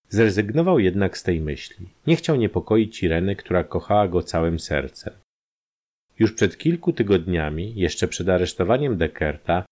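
Male narrator, crime story reading, very deep voice, lively intonation.

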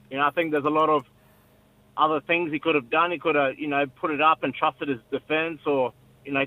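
Here a young Australian-accented man from Brisbane, who plays rugby league, chats on a radio show in a laid-back, modest way, using plenty of fillers. His voice is fairly high, and the audio is narrow and tinny without echo.

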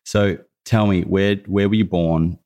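A man hosting a podcast, asking measured questions and often repeating a word as he starts them. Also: sits low, fairly even intonation, darkish tone. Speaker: podcast host. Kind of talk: interview questions.

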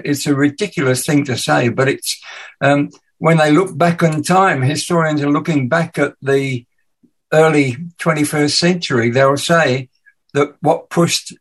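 A man's voice: on the high side, husky, rough recording. A male podcast host with a mixed English and Danish accent, chatting casually and musing aloud. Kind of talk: casual radio chat.

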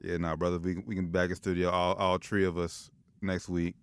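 A man's voice: low voice, level tone, brisk, smooth, no room sound. A man hosting a sports talk show with casual, slangy banter, often repeating phrases for emphasis.

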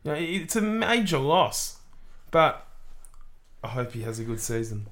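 A man's voice: on the high side, very animated, measured pace, a bit bright. A man with an Australian accent co-hosting a casual football podcast, informal and given to repeating himself for emphasis. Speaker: podcast co-host. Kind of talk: casual football analysis chat.

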